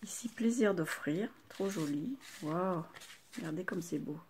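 A woman's voice: fairly low pitch, animated, measured pace, darkish tone, slight background noise. An older woman hosting a craft video, chatting casually to viewers and gushing with delight over each item she unwraps. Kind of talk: casual unboxing chat to viewers.

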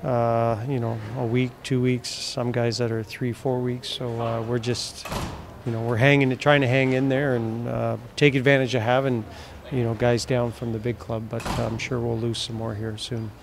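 A man's voice: mid-range voice, flat delivery, normal speed, vocal fry, a little hiss or hum. A man in his fifties, a hockey head coach giving a postgame press interview in a blunt, plain-spoken way with many fillers, recorded on a handheld mic in front of an indoor press backdrop. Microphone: handheld mic held near the chin.

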